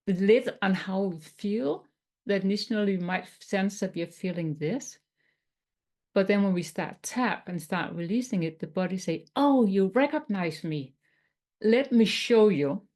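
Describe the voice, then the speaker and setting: A Danish woman with a Danish accent coaches tapping during a webinar, explaining things gently with some non-native phrasing. Her voice sits in the mid range.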